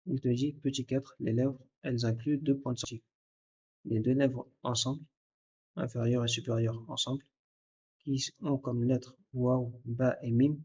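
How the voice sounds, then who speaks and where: A patient man teaches a recorded lesson, speaking straight to the listener and sounding out each letter to show how it is said. His voice is husky and sits in a flat, even pitch. The recording is dull and lo-fi. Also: a little slow. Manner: patient, addresses the listener directly, repeats sounds to demonstrate. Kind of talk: recorded lesson, explaining step by step.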